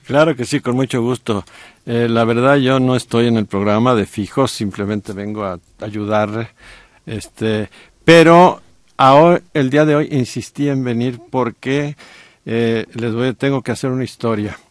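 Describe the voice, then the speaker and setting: A middle-aged man with a Mexican accent, telling a story on a radio talk show with many pauses and fillers. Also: mid-range voice, dry recording. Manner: warm storytelling with frequent fillers. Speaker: guest co-host.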